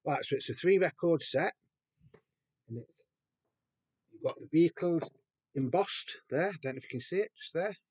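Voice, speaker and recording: A man's voice: fairly high pitch, animated, normal speed, long pauses, darkish tone, husky, dry recording. Chatty man, dry close sound. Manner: chatty, rambling, with frequent ums and restarts. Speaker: record collector. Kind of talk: casual show-and-tell.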